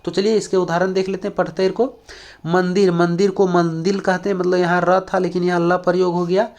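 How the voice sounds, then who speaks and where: A man from Jharkhand, India teaches an exam-prep language lesson in a high, level, slightly mellow voice at a somewhat fast pace. He explains step by step, using many fillers and asking the class the same questions repeatedly.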